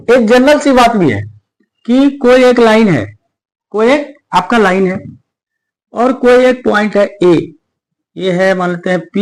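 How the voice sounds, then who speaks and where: A man with a high voice teaches a maths class. His pitch rises and falls a lot as he explains. He keeps checking whether his students follow him. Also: gravelly, low-quality recording. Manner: explains step by step, asks the class questions. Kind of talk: whiteboard maths lesson.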